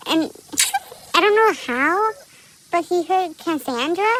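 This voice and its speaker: A teenage girl with a fairly high voice tells stories in a blunt, offhand way, swearing freely. She sounds like she is chatting casually with a friend on a podcast. A faint noise sits under her voice. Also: expressive, slow, a bit bright, rough recording. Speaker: podcast co-host. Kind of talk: casual chat.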